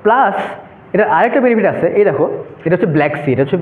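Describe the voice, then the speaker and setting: Young man teaching a class, rapid-fire delivery, high lively voice, narrow phone-like sound. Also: reverberant. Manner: fast, animated, talks students through a map with frequent "okay?" checks. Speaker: debate workshop instructor. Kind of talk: informal classroom lecture.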